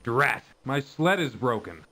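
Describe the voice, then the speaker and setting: Male actor as kindly adventure game hero, earnest, expressive, over noisy old audio. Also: mid-range voice, measured pace. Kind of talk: scripted adventure game acting.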